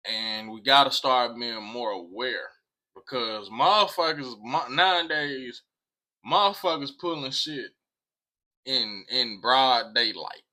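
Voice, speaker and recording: A man's voice: medium pitch, lively intonation, slow pace, bright, forceful tone. An American man talking casually to viewers in an emphatic way, repeating phrases and swearing freely. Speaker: vlog host.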